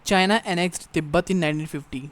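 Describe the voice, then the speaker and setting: A young man giving an exam-prep lecture, his voice smooth and clear and pitched a little high. He reads passages out slowly, then breaks them down in easy, conversational explanation. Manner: reads English text slowly, then explains casually with frequent "theek hai". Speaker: teacher. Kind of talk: exam-prep lecture in Hindi mixed with English.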